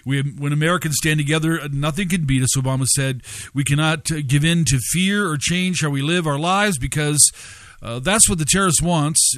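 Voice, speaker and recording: A man preaches and reads news aloud, telling a story with many pauses and fillers while stressing key words. His voice is on the high side and a bit bright, with no echo.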